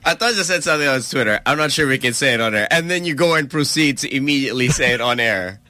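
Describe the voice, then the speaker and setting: Bright teasing male co-host. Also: mid-range voice, lively intonation, quick pace, no room sound. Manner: teasing, laughs easily. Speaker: radio co-host. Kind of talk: casual radio banter.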